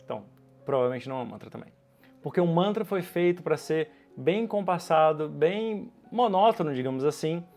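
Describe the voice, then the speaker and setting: Male yoga teacher, slightly high voice, relaxed explanatory lesson, keeps checking in with the listener, soft music underneath. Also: moderate pace. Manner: chatty, asks rhetorical questions and checks in with "ok?".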